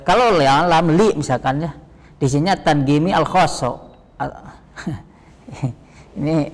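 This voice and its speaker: A man teaching Arabic grammar, with a rather high voice for a man. He explains patiently, repeats each term, and asks questions that he answers himself. His voice trails off in a long reverb. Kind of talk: online Arabic grammar lesson.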